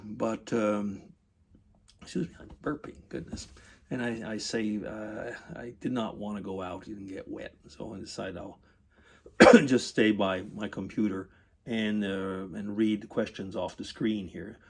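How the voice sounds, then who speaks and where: Sitting indoors at his computer, a retired older vlogger chats casually through a set of tag questions. He has a lowish voice and hesitates often, filling gaps with ums and clearing his throat.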